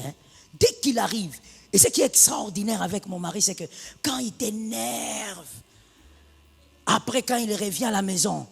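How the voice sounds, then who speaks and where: A woman pastor preaching a sermon, moving from hushed tones to loud bursts. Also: medium pitch, gravelly, slightly rough. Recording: long reverb of a large hall.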